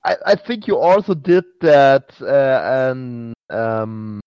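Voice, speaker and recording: A man in a casual group chat who talks haltingly with many restarts and giggles often. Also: mid-range voice, darkish tone, smooth, no echo, lo-fi sound. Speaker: podcast co-host.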